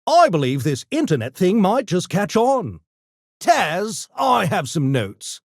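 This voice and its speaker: A pint-sized gremlin intellectual for a video game. The voice swings dramatically up and down and takes its time over every fancy word. It is smug, pompous and mischievously menacing, recorded dry and close. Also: male voice, high voice, huge pitch swings, takes it slowly, no room sound, exaggerated voice. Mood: smug, urbane. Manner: pompous, wordy, mock-genteel diction. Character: small, erudite, smug male gremlin genius with mischievous menace. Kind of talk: video game character voice lines.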